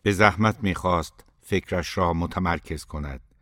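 A man reading a novel aloud as its narrator, in a measured, steady way. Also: sits low, no room sound, studio quality. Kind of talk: audiobook narration.

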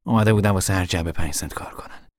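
A man's voice: no echo, clean studio sound, natural voice. An actor playing a weary young man on the run who talks in a tired, grim way. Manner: tired, grim, low-voiced.

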